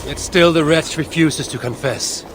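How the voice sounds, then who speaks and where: An actor playing a proud, brooding Norse god king in a video game, speaking with solemn, archaic formality in a gravelly voice. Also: a little high, a little slow, noisy background, close to an everyday voice. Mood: stern, wrathful. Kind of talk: dramatic game cutscene acting.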